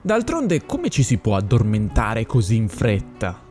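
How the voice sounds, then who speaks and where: Expressive man reading a story. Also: fairly low pitch, measured pace, soft background music. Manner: expressive, acting out the characters. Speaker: narrator.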